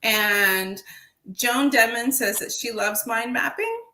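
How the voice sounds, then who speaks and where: Chatty woman with a bright voice. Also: a little high, slow. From Canada. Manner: chatty, self-deprecating, laughs often. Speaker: historical fiction author. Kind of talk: casual video chat. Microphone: video call.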